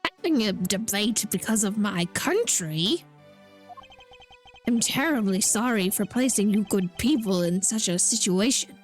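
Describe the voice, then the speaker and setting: A woman voicing an elderly, apologetic male ambassador in a video game, with a deliberate, courteous old-man voice. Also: medium pitch. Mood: humble, apologetic. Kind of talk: acted video game dialogue read-aloud.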